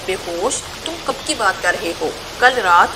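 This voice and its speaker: A woman reading the part of a gentle, caring young woman who speaks in a soft, reassuring way in a storybook reading. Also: mid-range voice, lively intonation, noisy background, natural voice.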